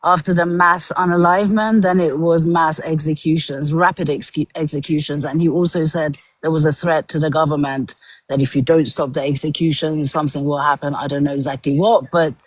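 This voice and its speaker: A woman's voice: sits low, fairly even intonation, a little fast, dry recording, rough recording. A woman from Iran, a guest on a livestream, who speaks earnestly, laughs often and hedges her points. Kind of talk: political debate on a livestream.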